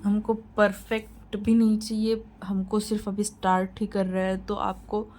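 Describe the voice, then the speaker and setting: A woman's voice: medium pitch, little pitch movement, normal speed, darkish tone, low-quality recording. Woman teaching step by step. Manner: instructive, repeats points, reassuring. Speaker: shorthand teacher. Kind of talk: tutorial lesson.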